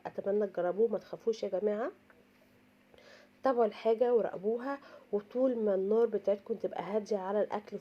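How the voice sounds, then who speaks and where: A woman's voice: mid-range voice, muffled recording. A middle-aged Egyptian woman chattily giving an informal cooking tutorial, repeating points for emphasis, her voice slightly worn by a coming cold. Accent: Egyptian Arabic. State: slightly tired voice from oncoming cold. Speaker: home cooking show host.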